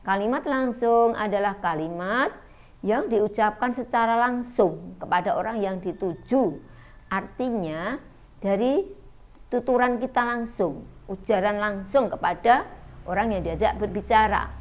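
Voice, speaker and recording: A woman's voice: medium pitch, a little slow. Woman teacher explaining a lesson. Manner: explanatory, with frequent "ya" and "eh" fillers. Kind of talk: online school lesson.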